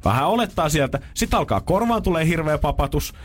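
A man's voice: fairly high pitch, lively intonation. A male radio morning show host telling a funny everyday story in casual chat, laughing often.

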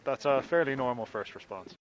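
Formal army officer, mid-pitched. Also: male voice, expressive, a little fast, poor audio. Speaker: army lieutenant. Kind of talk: formal technical explanation.

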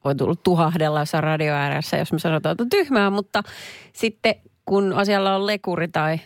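A woman's voice: fairly low pitch, no room sound, studio quality. A woman co-hosting a casual radio chat, playful and teasing, laughing often. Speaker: radio host.

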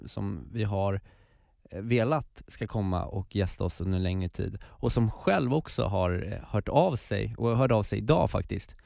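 Guy hosting a podcast, low gravelly voice, lots of fillers and restarts, dry close mic. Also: darkish tone, dry recording. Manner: rambling, many fillers and restarts. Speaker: podcast host. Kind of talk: casual storytelling chat.

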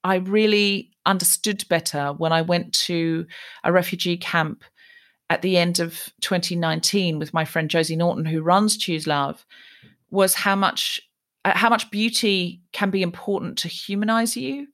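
A woman raised in Australia, a guest telling animated stories in conversation. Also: on the low side, unhurried. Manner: animated, lively anecdotes. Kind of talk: conversational storytelling.

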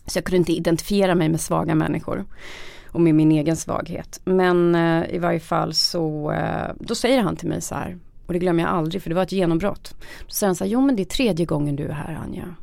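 Low, gravelly middle-aged woman. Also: flat delivery, a little mellow, no echo. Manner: frank, emotional, acts out quoted dialogue. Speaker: interview guest. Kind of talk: candid personal storytelling.

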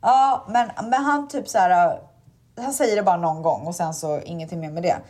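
A woman hosting a casual chat, telling animated stories and acting out quotes. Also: lowish voice. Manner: animated storytelling, acts out quotes. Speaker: podcast host.

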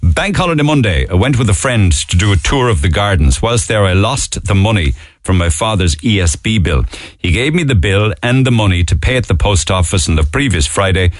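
Cork guy hosting radio phone-in, lowish voice, swings around a lot, dry studio sound. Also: expressive, brisk, no echo. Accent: Cork Irish. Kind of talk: casual radio talk.

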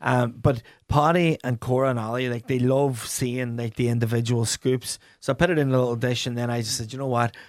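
A man's voice: mid-range voice, steady tone, fairly quick, hardly any pauses, dry recording. Man, middle-aged, Donegal accent, casual podcast banter, slangy, wry, dry sound. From Donegal, Ireland. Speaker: podcast co-host.

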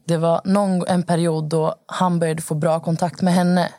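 A woman's voice: on the low side, level tone, warm tone, no echo, studio quality. A young woman guest telling her own story in casual talk, rambling with many fillers. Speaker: podcast guest. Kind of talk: personal account in casual conversation.

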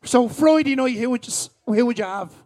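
A man's voice: extremely high pitch, expressive, a little fast, a little mellow. A middle-aged man with a Dublin Irish accent, bantering bluntly and swearing freely at a live podcast. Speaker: speaker on stage at a live podcast. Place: live podcast show at a festival.

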